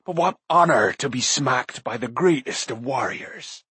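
A male narrator puts on an exaggerated voice for a grovelling, pitiful half-beast from a storybook, sly and self-pitying, who wails as it whines and wheedles for food. The mid-range voice is expressive, slightly husky and a bit bright, delivered at a measured pace. It's recorded close and dry, with no room sound.

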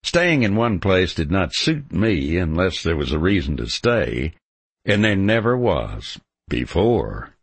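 A man voicing a bold, stubborn drifting cowhand in an audiobook, cocky and romantic, speaking bluntly and confidently in a gravelly voice. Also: sits low, big pitch swings, takes it slowly, dry recording, full character voice. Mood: reflective. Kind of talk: audiobook character dialogue.

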